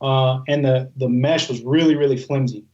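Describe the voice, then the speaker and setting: A man's voice: mid-range voice, fairly even intonation, moderate pace, a little mellow, muffled recording. A man talking casually as an interview guest, in a rambling, colloquial, conversational way. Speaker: guest, goose calling expert.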